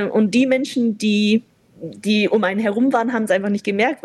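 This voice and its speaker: A woman's voice: mid-range voice, dry recording. A young woman, a guest speaking openly and reflectively with many fillers. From China, raised in Vienna. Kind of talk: conversational interview.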